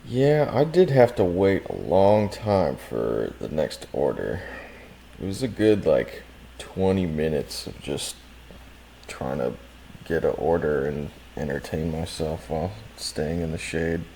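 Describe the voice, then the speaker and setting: A man's voice: rumbling low, very animated, a little slow, vocal fry, warm tone, slight background noise. A young man narrating his food delivery rounds in a chatty, casual vlog voice. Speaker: food delivery courier and vlogger.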